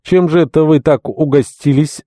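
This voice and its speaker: A man's voice: fairly high pitch, fairly even intonation, moderate pace, dark tone, no room sound, clean studio sound, voice pushed up, natural voice. A man voicing a cheerful official in an audiobook reading, asking breezy, jovial questions.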